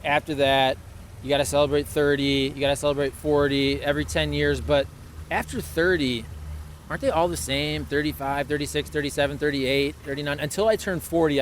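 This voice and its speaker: A man in his late thirties co-hosting a podcast in relaxed, chatty conversation. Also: fairly high pitch, a little hiss or hum. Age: 30s. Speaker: podcast co-host. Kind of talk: casual chat.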